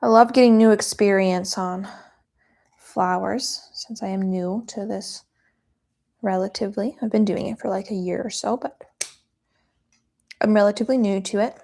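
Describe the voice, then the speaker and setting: A woman's voice: mid-range voice, steady tone, moderate pace, vocal fry, pauses often, darkish tone. A woman chatting casually as she works through a live flower pressing demo, thinking aloud and a bit out of breath.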